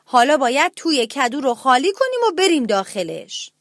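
A woman's voice: high voice, sing-song, dry recording, clean studio sound. A woman voicing a small, timid young mouse child who asks earnestly and pleads.

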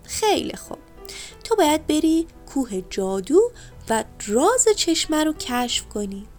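Woman playing a little bee, high voice, patient, gently scolding, storybook helper. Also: sing-song, soft background music. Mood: instructive.

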